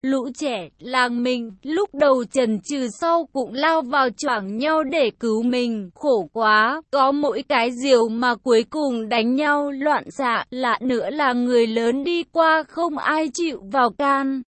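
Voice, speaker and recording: High-voiced woman telling a story. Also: a little slow, few pauses, dry recording. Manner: lively, colloquial storytelling. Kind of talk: first-person story narration.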